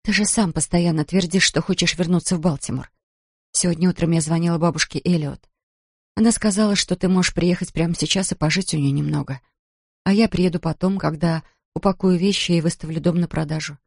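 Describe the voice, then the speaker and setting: A woman's voice: fairly low pitch, fairly even intonation, a little fast, creaky, slightly rough, no room sound, clean studio sound. A reader doing a weary, pleading mother. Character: tired anxious mother who is a doctor.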